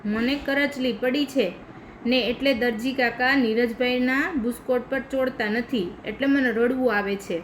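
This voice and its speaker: A woman's voice: on the high side, fairly even intonation, unhurried, a little hiss or hum, lightly acted, poor audio. A woman voicing a small childlike pocket in a children's story, with a childlike manner that swings between sobbing and giggling. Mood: tearful. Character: little weepy male pocket, cheerful when happy.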